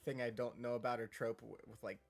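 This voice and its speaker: A man's voice: medium pitch, flat delivery, fast, creaky, soft background music. A man reading a visual novel's text aloud and chatting casually, hesitant and laughing often. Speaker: first-time player reading the game aloud.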